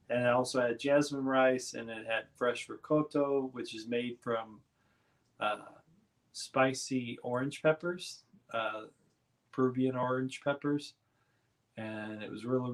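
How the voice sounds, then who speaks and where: Relaxed rambling man hosting a live stream. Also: medium pitch. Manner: relaxed, rambling, reads chat aloud. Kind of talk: casual live stream chat.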